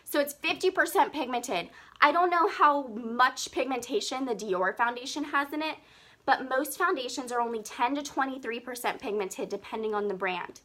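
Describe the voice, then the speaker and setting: A young woman talking on a live makeup video, gushing and excitable, breathing a little heavily. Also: sits high, normal speed. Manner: gushing, excitable, lots of "like" and "seriously". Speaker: beauty vlogger.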